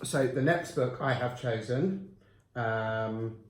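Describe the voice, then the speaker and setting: A man making dry, deadpan jokes while chatting casually as a guest, now and then reading short book passages aloud. He speaks at a middle pitch. The room sounds roomy and echoey. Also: slow. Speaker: guest, host's partner.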